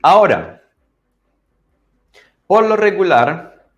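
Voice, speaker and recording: A man teaching English to children in an online class, often checking they follow and drilling pronunciation slowly. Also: high voice, big pitch swings, muffled recording. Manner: teacherly, asks for agreement after each point.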